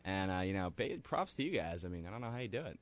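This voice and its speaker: A young man from the student radio station staff, talking in a halting way with many restarts and friendly praise. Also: low voice, very animated, no echo. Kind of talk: casual radio chat. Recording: muffled lo-fi studio mic.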